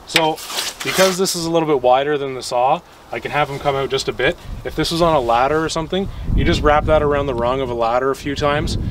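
The speaker is a young man with a mid-range voice who makes gear, casually showing how his product works outside in the snow beside a vehicle. He pauses and restarts as his hands stay busy. Recorded by a camera mic from a few steps away, the sound is distant with ambient noise.

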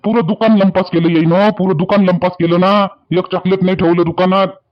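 Playing a part in a rustic village comedy sketch, a man speaks with a Varhadi Marathi accent in a high-pitched, fairly quick voice with little pitch movement. He pleads emphatically and says things over and over. The recording has a dull, lo-fi quality.

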